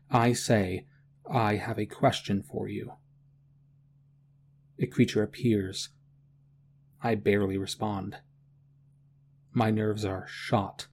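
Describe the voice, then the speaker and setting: A man's voice: fairly low pitch, flat delivery, measured pace, long pauses, a little mellow, a little hiss or hum. A man playing a desperate, shaken deaf author who pleads and narrates his ordeal.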